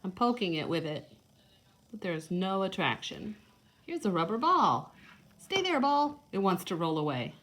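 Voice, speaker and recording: A teacher with a bright, sing-song, medium-pitched voice reads aloud at a measured pace and demonstrates for little kids. She explains each step plainly while thinking aloud. Background noise is noticeable in this homemade video.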